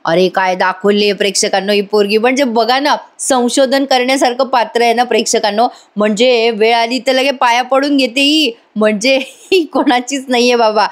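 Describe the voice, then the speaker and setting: A woman narrates a tv-serial recap as a voice-over. She is chatty and teasing and talks straight to her viewers. Her voice sits somewhat high. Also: normal speed, hardly any pauses. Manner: chatty, mocking, addressing viewers. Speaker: tv serial reviewer.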